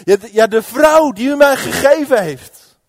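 A man's voice: extremely high pitch, animated, measured pace, no echo, studio quality, big-room sound, voice pushed up. A man voicing a frightened first man who anxiously confesses that he is hiding, in a sermon's acted story. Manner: anxious, pleading.

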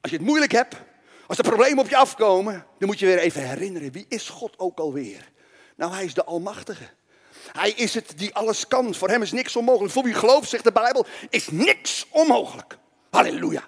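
A man preaching to children, telling a Bible story in a lively, playful way and addressing the kids directly. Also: sits high, a little fast, long reverb tail.

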